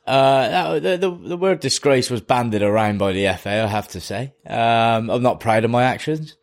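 A man's voice: medium pitch, normal speed. A man co-hosting a casual sports podcast in a jokey, self-mocking way. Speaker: podcast co-host.

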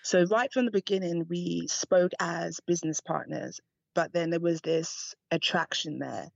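A frank, chatty woman guest talks openly in a gravelly voice that often breaks into laughter. Her audio is dull and dry, like a remote call line. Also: on the low side, measured pace, dry recording. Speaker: guest, dominatrix and seduction coach. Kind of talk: casual podcast interview.

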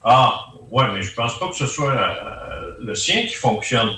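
A man's voice: mid-range voice, lively intonation, unhurried, bright, forceful tone. A man, a remote guest on a call, sounding puzzled as he works through a connection problem. His voice comes back with an echo, relayed through another device. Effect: echoing, repeating sound relayed through another device. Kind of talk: casual chat. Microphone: laptop or phone on a video call, far from the device. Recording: echoey, distant call audio.

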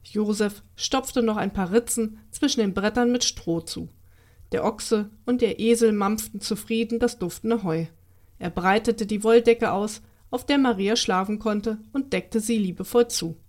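A woman reading a children's Christmas story aloud in a calm, expressive storytelling manner. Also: medium pitch, measured pace.

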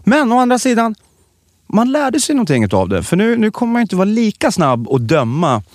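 A man co-hosting a podcast, chatting casually and telling stories with animated delivery. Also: no room sound, studio quality. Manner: animated storytelling, lively pitch. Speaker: podcast co-host. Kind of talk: casual chat.

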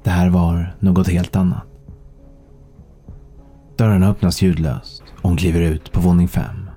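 A man narrating a thriller audiobook in a calm, measured storytelling manner. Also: deep voice, husky, faint music behind.

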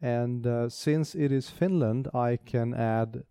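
A man's voice: medium pitch, slow pace, warm tone, smooth, no echo, studio quality. A man co-hosting a casual tech podcast, talking with enthusiasm and frequent restarts. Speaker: podcast co-host.

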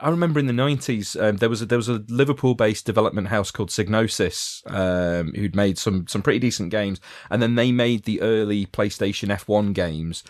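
A man's voice: lowish voice, brisk, few pauses, dry recording, clean studio sound. A British man hosting a casual podcast chat, rambling with lots of fillers and restarts. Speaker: podcast host.

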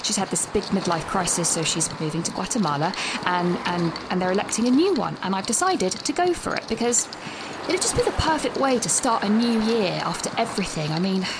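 The recording is very noisy, and the actress is only lightly acting, using a mid-range voice with lively intonation at a fairly quick clip. She portrays a chatty, anxious young British university student leaving a breathless, rambling voice message on an outdoor walk. The audio drama voice note comes across as nervous and self-interrupting.

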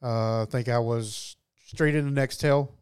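A man co-hosting a podcast, talking about movies in a relaxed way and laughing often. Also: medium pitch, unhurried, clean tone, no echo, studio quality. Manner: laid-back, laughs often, many fillers. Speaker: podcast co-host. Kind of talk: casual film chat.

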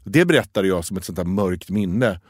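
A man's voice: low voice, no echo, clean studio sound. A man, telling stories in a casual chat and acting out the voices of the people in them. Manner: animated storyteller, acts out voices, quick laughs.

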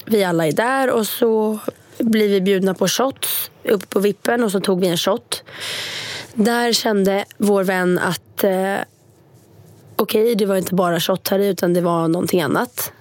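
A woman casually telling a story, animated and acting out the people in it. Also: medium pitch, dry recording. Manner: animated, quotes people in lively voices. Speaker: storyteller guest.

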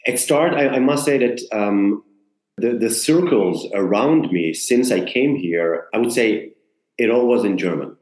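An Israeli actor, a man with a fairly low, darkish voice, speaks unhurriedly and earnestly as a guest in a conversational interview. He often restarts while searching for words, and the recording has a roomy echo.

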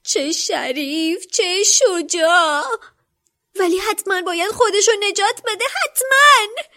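A woman voicing a small, wretched male house-elf who wails, squeaks and stammers in a tearful frenzy, in a dramatic book reading. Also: bright, forceful tone. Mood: pleading tearful.

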